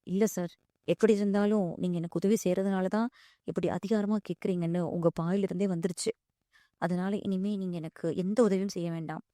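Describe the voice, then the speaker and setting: A woman's voice: fairly low pitch, fairly even intonation, fairly quick, dark tone, dry recording, studio quality, lightly acted. A woman voicing a proud young woman who answers firmly and respectfully. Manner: firm and respectful, calls him "sir". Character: proud young working woman, firm and hurt.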